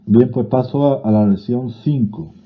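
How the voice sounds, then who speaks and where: A man with a Spanish accent reads a grammar lesson aloud at a slow, deliberate pace, now and then restarting a word. His voice sits at a middle pitch. The recording is thin and narrow, like a phone line. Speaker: teacher. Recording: phone-like narrow-band audio.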